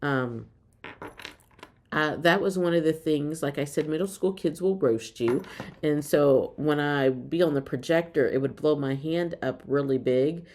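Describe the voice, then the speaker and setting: A woman's voice: deep voice, a little slow, a little mellow. A woman about fifty chatting casually to her viewers as a vlogger, with frequent ums and an upbeat tone. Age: 50s. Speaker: reseller vlogger. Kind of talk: casual chat to camera.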